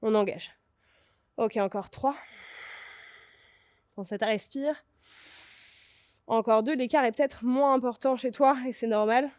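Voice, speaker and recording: A woman leading a guided yoga class, calmly cueing each breath and pose and encouraging the listener along. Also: fairly high pitch, measured pace, pauses often, no echo, clean studio sound. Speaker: yoga teacher.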